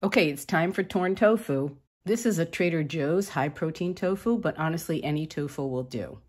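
Woman, low voice, slightly husky, chatty cooking host, upbeat, explains each step, home kitchen voice-over. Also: moderate pace, a little mellow.

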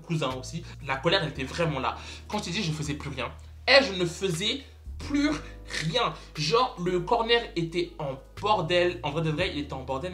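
A man's voice: fairly high pitch, a bit bright. A young man telling a story to camera in a casual vlog, dramatic and exclamatory, repeating words for emphasis. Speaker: vlogger.

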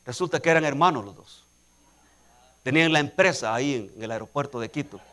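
A man's voice: medium pitch, fairly quick. A man preaching a sermon, telling a personal story and building to emphatic, repeated calls to action. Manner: preaching with rising, emphatic repetition; quietly acts out dialogue in anecdotes.

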